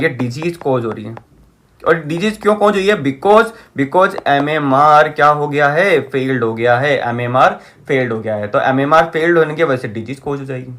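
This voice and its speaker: A man's voice: a little high, moderate pace, fairly bright tone. A man teaching a lecture at a whiteboard. He speaks, repeats key terms and keeps checking with the class.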